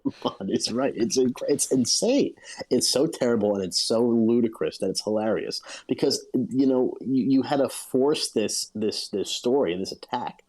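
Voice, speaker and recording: A man's voice: mid-range voice, moderate pace, darkish tone, poor audio. A man co-hosting a casual podcast chat, talking in emphatic, incredulous bursts. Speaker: podcast co-host.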